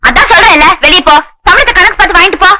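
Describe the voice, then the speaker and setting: An actress playing a naive, stubborn village bride who complains loudly and wails in a 1980s film. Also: female voice, very fast, exaggerated voice. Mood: blunt. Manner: shrill, wailing complaints. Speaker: new daughter-in-law. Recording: noisy old film soundtrack.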